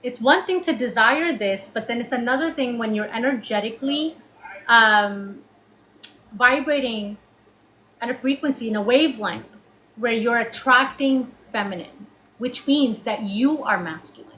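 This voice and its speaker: A high-pitched woman talks through braces as she coaches a live audience. She is emphatic and explanatory, repeating key points and checking in with listeners. There is clear noise behind her voice. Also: measured pace, pushed and bright, poor audio. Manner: talking with braces that cut the inside of the lips. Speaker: relationship coach hosting a live session. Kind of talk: interactive coaching talk to a live online audience.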